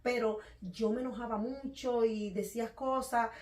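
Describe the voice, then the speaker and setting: A woman from the Dominican Republic with a Dominican accent, talking loudly and quickly in a casual conversation about faith and handling anger. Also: a little high. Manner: loud, fast, animated talker. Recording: echoey room, voice from a distance.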